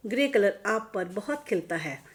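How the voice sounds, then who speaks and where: A woman's voice: mid-range voice, lively intonation, measured pace, natural voice. A woman voicing a cheerful grown daughter who coaxes her mother affectionately, in a storybook reading.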